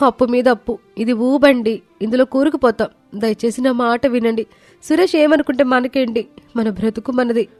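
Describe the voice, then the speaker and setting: A woman voicing a sensible young wife who pleads with her husband, for an animated story. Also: fairly high pitch, normal speed, no echo, faint music behind, natural voice. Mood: pleading. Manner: pleading, cautious.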